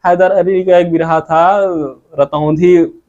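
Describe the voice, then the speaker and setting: A man with a high voice teaches a grammar class, asking questions and answering them in turn. He stretches out the sounds of his examples. The recording is dull and lo-fi. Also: level tone, darkish tone. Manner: asks questions and answers them himself, drawn-out sung examples.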